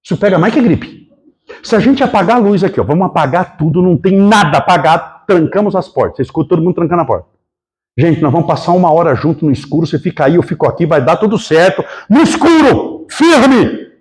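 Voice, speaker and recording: A Brazilian man giving a spiritist sermon, telling stories in a lively way and putting questions to the audience. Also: high voice, quick pace. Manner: storytelling, animated, acts out quotes, asks the audience. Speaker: spiritist lecturer.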